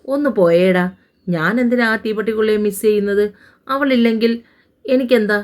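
A woman's voice: medium pitch, fairly quick, close to an everyday voice. A woman voicing a touchy, irritable young male doctor in a romance audio story. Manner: curt, irritable.

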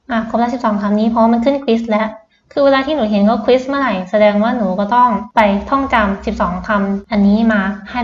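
A woman's voice: a little high, echoey room, muffled recording. A woman English tutor with a Thai accent, teaching children vocabulary patiently and repeating each word. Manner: patient, repeats words slowly. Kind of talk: slow vocabulary lesson for children.

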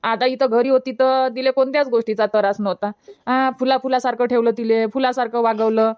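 A woman's voice: a little high, fairly even intonation, a little fast, darkish tone, clear, resonant tone, dry recording, clean studio sound, natural voice. A woman voicing a fretful village mother. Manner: fretful, chatty. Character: worried village mother, unwell.

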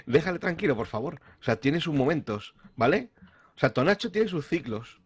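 Co-player, man, lively voice, prone to shouting out. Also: a little high, moderate pace, breathy edge. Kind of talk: casual gaming chat.

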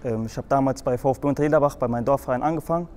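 A young man from Frankfurt, Germany, appears as a guest in a show video, speaking very fast in a warm, mid-range voice with a Hessian German accent. He rambles through his own story with lots of fillers and restarts.

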